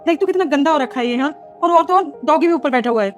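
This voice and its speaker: A woman's voice: high voice, fast talker, lo-fi sound, soft background music, close to an everyday voice. A woman playing a fussy, easily offended mother-in-law in a family drama, complaining and indignant. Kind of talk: Hindi family drama acting.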